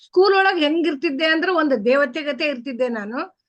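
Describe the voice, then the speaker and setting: Middle-aged lady telling her story, high sharp voice, dry close sound. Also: expressive, fairly quick, no room sound. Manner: earnest, addresses the coach as sir. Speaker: client sharing her story. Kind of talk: personal testimony.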